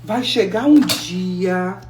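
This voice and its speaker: A woman preaching a sermon, telling the story with lively acted-out dialogue. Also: fairly low pitch, drawn-out words. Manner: animated storytelling, acting out biblical dialogue. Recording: echoey room with faint music.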